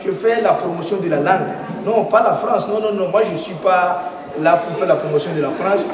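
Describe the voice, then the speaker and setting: Guy at a conference, kinda high voice, echoey hall, mic far off, keeps repeating non non. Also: a little mellow. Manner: emphatic, repeats himself, hesitant fillers. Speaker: conference speaker. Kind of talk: speech at a forum. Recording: echoey hall, distant mic, faint noise.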